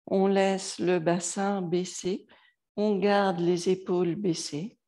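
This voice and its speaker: A woman guiding a yoga class, giving slow, calm cues and softly counting breaths. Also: fairly low pitch. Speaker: yoga teacher. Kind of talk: guided yoga class instruction.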